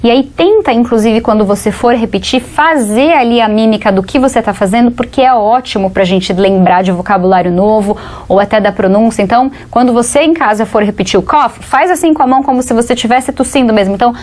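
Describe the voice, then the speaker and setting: A Brazilian woman teaching an English lesson on TV, slowing down to model English words carefully. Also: fairly high pitch, darkish tone. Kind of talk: TV English lesson for Portuguese speakers.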